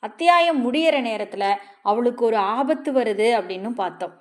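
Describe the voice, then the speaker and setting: Woman reading a novel aloud. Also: a little high. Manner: friendly recap, then steady narration. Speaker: storyteller.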